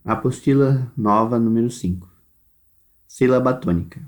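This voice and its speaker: A man's voice: mid-range voice, normal speed. A Brazilian man teaching a primary class by recorded video, dictating instructions and stretching words out syllable by syllable. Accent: Brazilian Portuguese.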